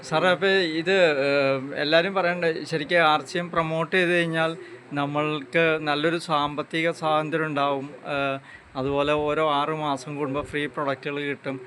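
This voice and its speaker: A man's voice: fairly high pitch, little pitch movement, fairly quick, fairly bright tone. Man leading upbeat showroom interviews. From Kerala. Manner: leading questions, often urges guests to speak up. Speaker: interviewer at a store visit. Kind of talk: casual promotional interview. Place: large indoor showroom.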